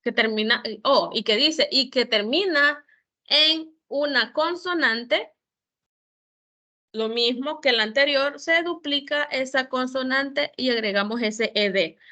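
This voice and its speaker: A woman's voice: high-pitched, slow pace, bright, forceful tone. A woman tutor giving an online grammar lesson, explaining each rule patiently, step by step, with examples. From El Salvador. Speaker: English tutor.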